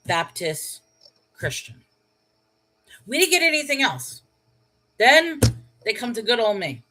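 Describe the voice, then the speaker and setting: A New York woman, the channel host, tells a personal story on a livestream, chatty and casual. Her medium-pitched voice has a fairly bright tone, and the recording is rough. She keeps checking in with "okay?" and "all right?" while wondering aloud and tossing out rhetorical questions.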